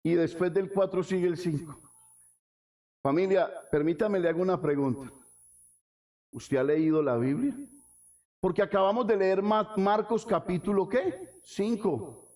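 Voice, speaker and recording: High-voiced preaching pastor, man. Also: unhurried, long pauses. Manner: preaching with rhetorical questions to the congregation; swings from soft low lines to shouted high ones. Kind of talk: sermon.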